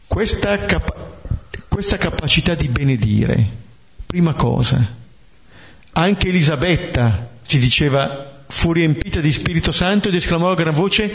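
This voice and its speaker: Man preaching, fairly high voice, thoughtful homily, rhetorical asides, dull lo-fi sound. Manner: slow, reflective, with rhetorical "eh?" tags. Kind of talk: homily on scripture. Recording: dull lo-fi recording.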